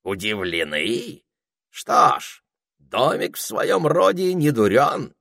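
A man's voice: medium pitch, very animated, slow, gravelly, pushed and bright, no room sound, clean studio sound, pitched above the performer's own voice, full character voice. A man voicing a bossy, snappy male parrot in an audiobook. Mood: chatty. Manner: snappy, chatty, impatient. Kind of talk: audiobook character voice.

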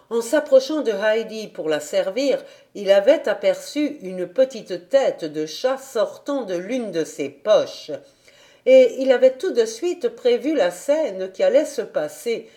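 A woman reading a children's novel aloud as an audiobook, in an expressive, measured way. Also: medium pitch. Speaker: audiobook reader. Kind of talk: storybook narration.

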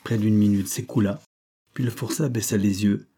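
A man reading a classic novel aloud in calm, measured, scripted narration. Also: lowish voice, slightly rough. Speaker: audiobook narrator.

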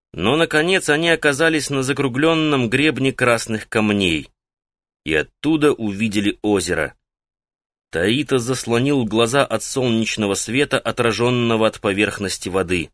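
A man narrates an adventure novel in a calm, even way. His mid-range voice is recorded close and dry, with no room sound around it. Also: medium pitch, dry recording. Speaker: audiobook narrator. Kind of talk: scripted narration.

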